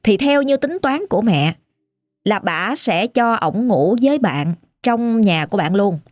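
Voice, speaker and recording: A woman's voice: mid-range voice, lively intonation, unhurried, darkish tone, no echo, studio quality. A woman with a Southern Vietnamese accent telling a ghost story in a chatty, dramatic way, speaking to the listener directly.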